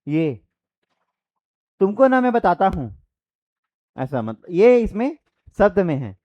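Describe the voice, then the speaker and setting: A man's voice: high-pitched, very animated, slow pace, dark tone, lo-fi sound. A man teaching a grammar lesson for exam preparation, explaining by repeating examples and quizzing his students. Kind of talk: exam-prep grammar lecture.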